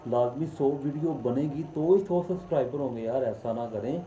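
A man's voice: mid-range voice, fairly quick, dark tone, echoey room, slight background noise, low-quality recording. A young man, casually vlogging to a phone held at arm's length and pleading with viewers to subscribe. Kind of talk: casual selfie vlog. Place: indoor room, then outdoors on a street.

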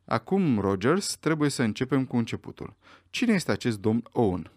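A man reading an audiobook voices a stern elderly judge who questions people with measured authority. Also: mid-range voice, sing-song, darkish tone, no echo, clean studio sound.

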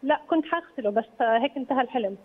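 Over a thin, tinny phone line, a Levantine woman caller recounts things casually. She speaks very rapidly in a slightly high voice. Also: expressive, slightly rough. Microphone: telephone.

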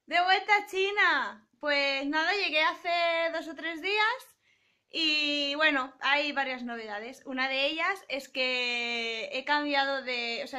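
A young woman vlogs from her small apartment, chatting cheerfully and walking the viewer through her kitchen. Her voice sits high and bright. She holds the camera at arm's length, so the sound is close and informal. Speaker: vlogger. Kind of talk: casual vlog chat to camera. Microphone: handheld camera at arm's length.

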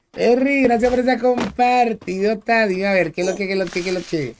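A man's voice: high-pitched, normal speed, a little hiss or hum. A young man, streaming a game and joking with his viewers in casual chat. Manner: chatty, joking, reads and answers viewers. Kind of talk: casual live-stream chat while playing.

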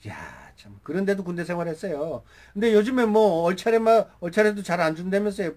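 A man in his sixties telling a personal story in casual, rough speech, swearing freely and breaking into shouts when he quotes himself. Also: sits high, sing-song, fairly quick. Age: 60s. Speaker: channel host.

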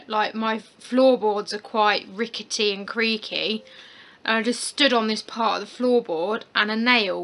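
A woman's voice: mid-range voice, sharp tone. A young woman, chatting casually to her camera at home, rambling with lots of "like" and "um" fillers. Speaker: vlogger. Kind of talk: casual chat. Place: home, indoors.

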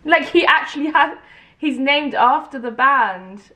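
A woman's voice: high voice, animated, a little slow, sharp tone, lo-fi sound, slight background noise. A woman, chatting casually over a reaction video in rambling asides. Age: 20s. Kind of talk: casual chat.

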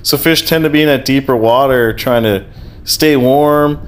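A man narrating a voice-over, explaining fishing tips in a calm, practical, step-by-step way. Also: mid-range voice, normal speed. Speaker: fishing vlogger.

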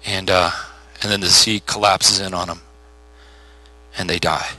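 A middle-aged male pastor preaching a sermon, telling the story with lively acted-out voices. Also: deep voice, a little slow, low-quality recording. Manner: animated storytelling with voiced characters.

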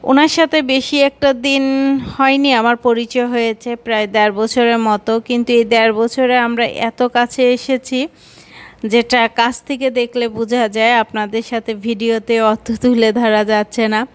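A woman's voice: on the high side, flat delivery, normal speed, clean tone. A woman with a Bangladeshi accent giving casual vlog narration. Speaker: vlogger.

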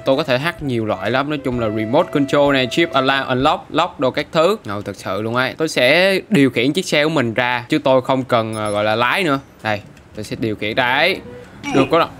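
A man doing excitable gameplay commentary, throwing in English exclamations. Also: a little high. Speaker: gaming YouTuber.

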